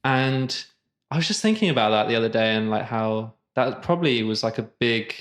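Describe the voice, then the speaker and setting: A man's voice: mid-range voice, animated, normal speed, a bit bright. A man, a music producer chatting as a podcast guest and rambling with lots of fillers. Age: 20s. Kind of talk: casual interview chat. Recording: roomy echo.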